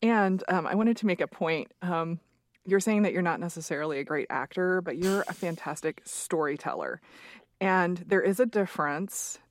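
A woman's voice: lowish voice, moderate pace, no room sound. A woman hosting a podcast, chatting in an encouraging way with lots of "mm-hmm" and "um". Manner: warm and encouraging, frequent "mm-hmm" and "um". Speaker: podcast host. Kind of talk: casual interview chat.

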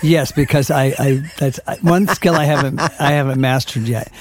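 A man's voice: mid-range voice, fairly even intonation, normal speed. A man co-hosting a casual political chat show, joking and often trailing off mid-sentence. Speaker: co-host.

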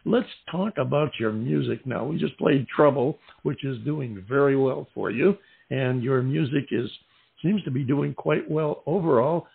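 Over a tinny phone connection, a male radio host with a Southern California background puts long, meandering questions to a musician in a polite, formal manner. He has a husky mid-range voice with vocal fry and an unhurried delivery.

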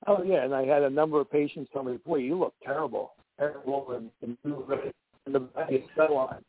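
Male guest, heard over a choppy, tinny conference call line, halting delivery, mid-range voice. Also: medium pitch. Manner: halting, repeats and restarts words. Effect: conference call line that keeps breaking up. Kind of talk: candid personal talk.

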